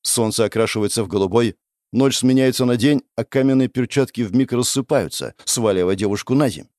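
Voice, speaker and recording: A man giving expressive first-person narration of a dramatic audiobook, recorded on a dry close mic with faint music. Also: mid-range voice, brisk, dry recording.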